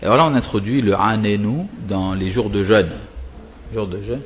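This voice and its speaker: A man's voice: fairly low pitch, normal speed, highs cut off, a little hiss or hum. A male religious teacher explaining prayer to students, wandering off topic and answering his own questions.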